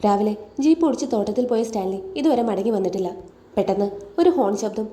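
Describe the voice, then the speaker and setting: Woman narrating a story, very mellow tone. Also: mid-range voice, animated, fast, roomy sound. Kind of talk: storytelling recap of a TV serial.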